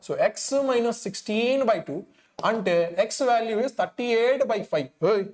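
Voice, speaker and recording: A man's voice: extremely high pitch, brisk. A man with a Telugu Indian accent, a native Telugu speaker, teaching an exam-coaching lesson, working through sums aloud, repeating phrases and prompting students with questions. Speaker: physics teacher.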